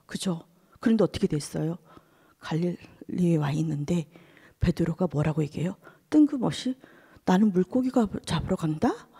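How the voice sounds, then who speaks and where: A woman's voice: fairly low pitch, lively intonation, moderate pace, mellow, husky, in a large hall. A woman associate pastor preaching at a dawn service, asking her congregation question after question and dropping to a whisper for emphasis. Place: church sanctuary.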